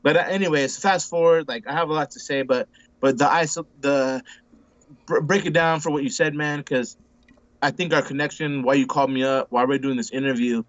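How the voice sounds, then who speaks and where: Speaking briskly with a somewhat high voice and fairly even intonation, a man in his forties comes across on dull audio with no room sound. As a laid-back interview guest he chats casually, restarting and repeating himself often and saying bro and dude a lot.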